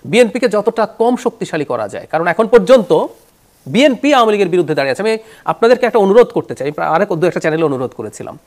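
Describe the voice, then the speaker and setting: Animated, high-pitched male political analyst. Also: fast. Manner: animated, explanatory, mixes in English terms. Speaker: talk show guest analyst. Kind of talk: political talk show commentary.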